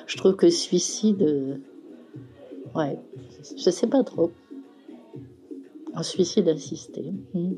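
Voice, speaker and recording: A woman with a very low, dark voice speaks uncertainly, trailing off and searching for words. Faint music hums in the background. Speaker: discussion participant. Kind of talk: casual discussion.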